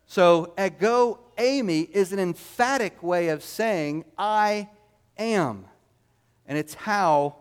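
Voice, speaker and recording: A man's voice: on the high side, smooth. A man preaching a sermon as a pastor, explaining scripture in an emphatic, expository way.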